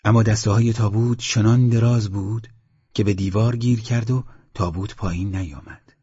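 A man narrating an audiobook story in a steady, measured way, on a dull lo-fi recording. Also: on the low side, breathy edge. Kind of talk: scripted narration.

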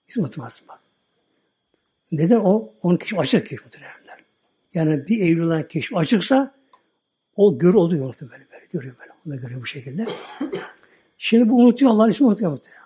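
Husky-voiced preacher telling a story. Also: male voice, sits high, fast talker, pauses often. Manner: repetitive, folksy, animated storytelling. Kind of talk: sermon with storytelling.

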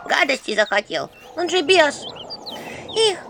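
Woman voicing a squeaky little female imp. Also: sing-song, a little fast, gravelly, noisy background, heavily acted. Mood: fretful, squeaky. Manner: squeaky, fretful, rising pleas. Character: small fluffy female imp, anxious and chatty. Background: background music.

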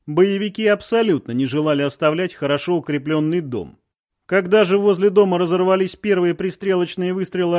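A man narrating a war story in audiobook style, with lively storytelling. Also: on the high side.

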